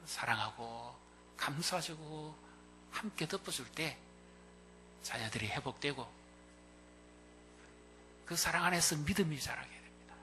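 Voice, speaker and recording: Bright-voiced emotive male pastor. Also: a little high, expressive, a little slow, pauses often, slight background noise. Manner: emotive preaching, swinging from loud rises to hushed near-whispers. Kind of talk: Sunday sermon. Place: church sanctuary.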